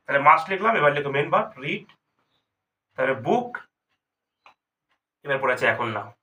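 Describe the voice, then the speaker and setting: Male teacher, high-pitched and brisk, walks students through grammar step by step. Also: expressive, pushed and bright. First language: Bengali. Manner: explains step by step, asks students questions. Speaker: English teacher. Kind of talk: spoken grammar lesson.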